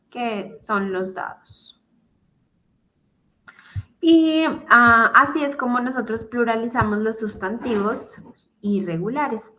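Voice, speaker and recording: A woman teaching English over a video call, with a bright, clear, forward tone. She explains patiently and steadily, reading each example aloud before breaking it down. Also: mid-range voice. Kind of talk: online class explanation.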